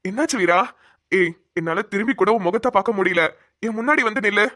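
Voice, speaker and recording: A woman voicing an injured village husband lying in a hospital bed in a Tamil cartoon, speaking gently and affectionately. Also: medium pitch, fast, lightly acted. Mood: tender.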